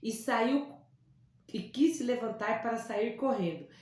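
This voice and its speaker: A woman's voice: on the high side, animated, a little slow, a little mellow. Woman reading a children's story. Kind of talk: scripted narration of a children's Bible story. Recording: very echoey room.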